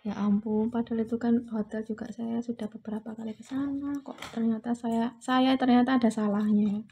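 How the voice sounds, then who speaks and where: A woman tells stories to her viewers in a casual vlog. Her voice sits fairly high with a slightly husky edge. She keeps it chatty and acts out the dialogue as she goes. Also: little pitch movement, brisk, mellow. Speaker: vlogger. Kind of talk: casual storytelling while dyeing hair.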